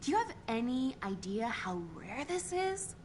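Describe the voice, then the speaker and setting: An actress playing a teasing, slightly shy young musician in naturalistic video game acting. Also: female voice, high-pitched, big pitch swings, a little slow, darkish tone, slight background noise. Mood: warm, casual.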